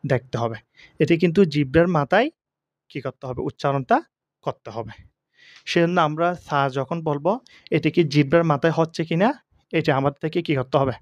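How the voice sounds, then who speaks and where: Male Quran tutor with a Bangladeshi accent, unhurried, drilling letter sounds, asks and answers his own questions; slightly higher pitch, close dry sound. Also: no echo, muffled recording. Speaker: Quran teacher. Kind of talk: slow Arabic letter pronunciation lesson.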